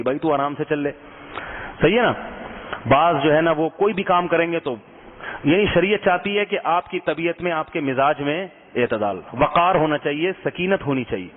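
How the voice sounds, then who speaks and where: Humorous male preacher in an echoing hall. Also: fairly high pitch. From Pakistan. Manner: humorous, asks the audience questions often. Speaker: Islamic scholar giving a sermon. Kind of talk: conversational sermon. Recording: tinny phone-like sound with long hall reverb.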